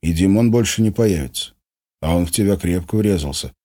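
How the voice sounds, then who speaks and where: A man's voice: low voice, a little fast, dark tone. A man voicing an earnest young man who argues urgently and persuasively. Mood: pleading.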